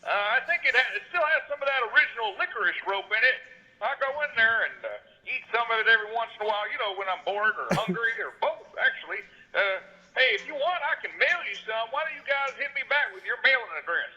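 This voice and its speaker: A man's voice: extremely high pitch, fast talker, dull audio. A man leaving a rambling, jokey voicemail, heard over a landline phone. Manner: rambling, jokey, deadpan absurd. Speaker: voicemail caller.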